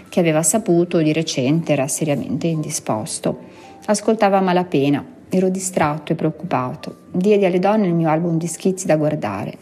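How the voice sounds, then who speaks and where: A woman reading a classic short story aloud, measured and expressive. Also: on the low side, slightly rough. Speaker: reader. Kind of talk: literary audiobook reading.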